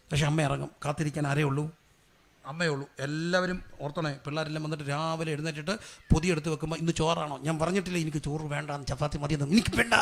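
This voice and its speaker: Fast, gravelly-voiced Malayali man preaching. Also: on the high side. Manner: rises from quiet storytelling to loud fervent exhortation. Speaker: pastor. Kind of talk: sermon.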